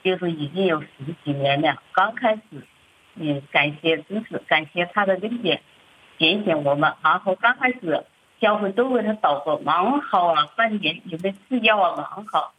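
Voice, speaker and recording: A middle-aged churchwoman haltingly recounts her family troubles, her plaintive voice low, husky and animated at a moderate pace. She keeps repeating words and starting over. The recording is muffled and lo-fi.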